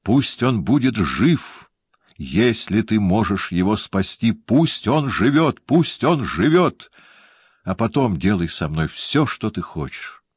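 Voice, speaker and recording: Man reading a terrified young woman, pleading and strained, pitched up, dry close sound. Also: expressive, measured pace, husky, no room sound, exaggerated voice.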